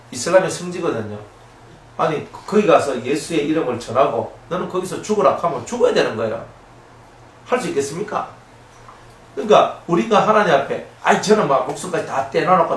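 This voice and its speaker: A man with a Gyeongsang accent preaching a sermon as pastor, animated, acting out quoted voices and asking the congregation for agreement. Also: a little high. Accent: Gyeongsang Korean. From Gyeongsang region, Korea. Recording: echoey room, somewhat distant mic, faint noise.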